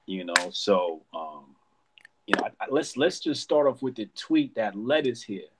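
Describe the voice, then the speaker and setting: A man in his thirties hosting a live stream debate, talking in a relaxed, slangy, chatty way. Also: on the low side, a little slow, background noise. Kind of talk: casual live stream chat.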